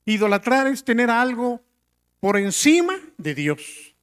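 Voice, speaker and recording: A middle-aged man preaching a sermon to a congregation, asking rhetorical questions and swinging between loud emphatic lines and quiet drops. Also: very high-pitched, sing-song, measured pace, clear, resonant tone.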